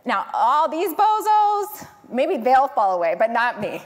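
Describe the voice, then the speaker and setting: A woman's voice: mid-range voice, sing-song, moderate pace, a bit bright. A woman preacher voicing a boastful, indignant male disciple in a sermon. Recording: long hall reverb.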